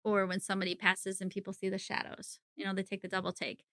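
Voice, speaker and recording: Middle-aged woman guest, bright forceful voice, dry close sound, chatty with frequent laughs. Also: mid-range voice, monotone, fast, no echo. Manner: chatty, laughs often mid-sentence. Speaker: psychic medium guest. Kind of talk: casual interview conversation.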